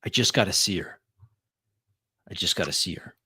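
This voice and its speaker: During a tabletop roleplaying game, a man narrates his character's actions in first person, describing them slowly and thoughtfully. His voice is low and sharp with a breathy edge, in clean studio sound with no echo.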